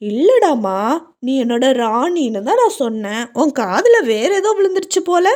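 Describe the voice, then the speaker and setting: A woman's voice: sits high, big pitch swings, normal speed, darkish tone. A woman voicing a jovial middle-aged father who speaks in an easygoing, fatherly way. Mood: fond.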